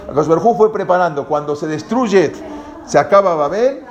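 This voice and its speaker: A man's voice: sits high, animated, muffled recording, a little hiss or hum. A man giving a lecture, hesitant and full of fillers and restarts, explaining things directly to his listeners. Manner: halting, many fillers and repeated restarts.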